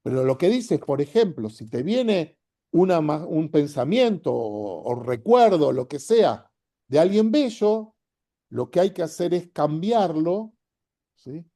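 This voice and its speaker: A rabbi with a Rioplatense Spanish accent teaches a class conversationally, often checking in with "¿sí?" and acting out the inner voices he describes. His voice is a little high and expressive yet dark in tone, and he takes his time.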